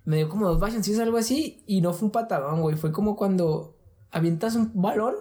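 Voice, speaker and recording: A man's voice: high-pitched, brisk, darkish tone. A man with a Mexican accent casually telling a story from his childhood in slangy, rambling chat, dropping fillers into every phrase.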